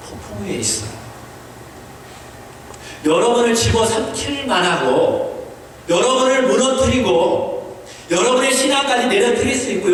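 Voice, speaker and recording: Male pastor, Korean sermon, fairly high voice, rising and falling emphasis, distant mic, long hall reverb. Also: slight background noise. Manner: swings between high emphatic lines and low quiet ones. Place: church sanctuary. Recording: echoey church hall, voice from a distance.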